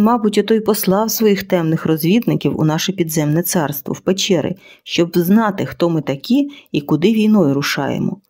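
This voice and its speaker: Досвідчений печерний вояка-хвалько, жвава розповідь, жінка озвучує, голос м'який. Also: female voice, fairly low pitch. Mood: scoffing. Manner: lively, boastful. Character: seasoned boastful male cave guard storyteller.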